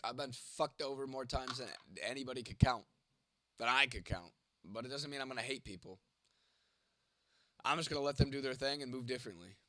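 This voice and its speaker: A man's voice: medium pitch, fairly quick, pushed and bright. A young man hosting a casual livestream, rambling and swearing as he answers chat comments by name, with a sore throat and a cough. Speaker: livestream host reading chat.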